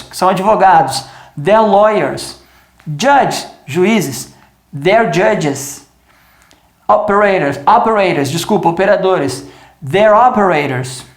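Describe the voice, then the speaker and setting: A man teaching a grammar lesson at a whiteboard, patiently repeating examples and often checking that students follow. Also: sits high. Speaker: English teacher. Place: room with a whiteboard. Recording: echoey room.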